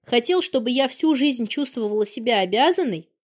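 A woman's voice: on the high side, lively intonation, brisk, a little mellow. A woman reading an audiobook voices a furious jilted woman who confronts her ex-lover with biting scorn. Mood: accusing. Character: furious jilted woman, sharp-tongued and accusing.

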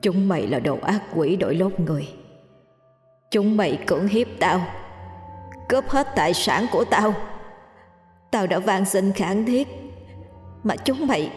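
A woman voicing a vengeful young female ghost who hisses low, menacing threats. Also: expressive, unhurried, pauses often, a little mellow, echoey room, in a large hall, faint music behind, close to an everyday voice.

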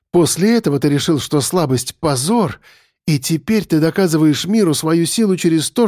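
A man voicing a frightened young woman who pleads with her captor, high and strained, tearful. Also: darkish tone, no room sound, clean studio sound, close to an everyday voice. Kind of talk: audiobook character voice.

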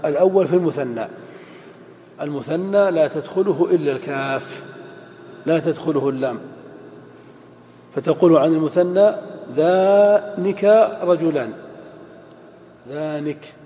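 A man teaching grammar in a lecture, speaking slowly and repeating each example phrase. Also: on the high side, dark tone, dull audio. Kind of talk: lecture explaining Arabic grammar. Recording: echoey lecture hall with faint noise.

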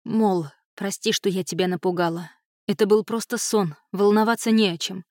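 A woman's voice: medium pitch, steady tone, normal speed, darkish tone, dry recording, studio quality, close to an everyday voice. A woman reading an audiobook, voicing a stern aunt who answers firmly and snaps when pushed. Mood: firm, harsh. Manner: firm, defensive, snapping. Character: stern aunt, guarded and quick-tempered.

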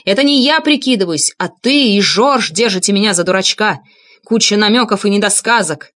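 A woman reading an audiobook, voicing a blustering middle-aged man who tries to sound menacing and gruff. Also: lowish voice, moderate pace, no room sound, lightly acted. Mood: furious.

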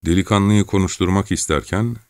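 Deep man reading a novel aloud, steady and dry, no room sound. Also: fairly quick, dry recording. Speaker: audiobook narrator. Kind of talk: scripted literary narration.

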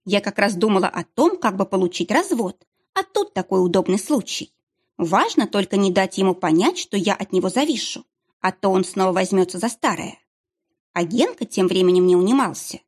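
A woman reading a first-person story aloud with a lively, expressive reading. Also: mid-range voice, normal speed, slightly rough. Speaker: audiobook narrator.

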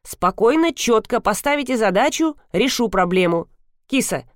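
A woman voicing an ironic, commanding grown man who speaks slowly and dryly. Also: on the high side, animated, dry recording, lightly acted. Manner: slow, dry, commanding.

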